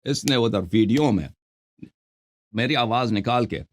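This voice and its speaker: A male host on a live call-in show, scolding and accusing a caller and cutting in over him. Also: medium pitch. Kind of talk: confrontational live call-in debate.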